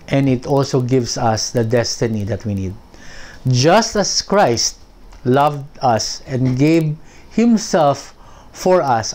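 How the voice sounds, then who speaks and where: Slow, deliberate male preacher. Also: mid-range voice, a little mellow. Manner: slow, deliberate preaching with emphatic stretched phrases. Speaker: pastor. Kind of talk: sermon.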